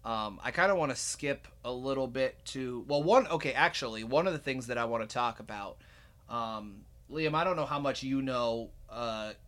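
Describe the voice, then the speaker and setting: Bright-voiced man hosting a podcast. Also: mid-range voice, normal speed. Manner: rambling, many fillers and restarts. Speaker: podcast host. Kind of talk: casual podcast chat.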